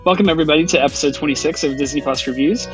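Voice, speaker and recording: A man's voice: on the high side, rapid-fire, over loud music, rough recording. A man co-hosting a podcast in casual chat, rambling with many restarts. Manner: rambling, full of fillers and restarts. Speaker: podcast co-host.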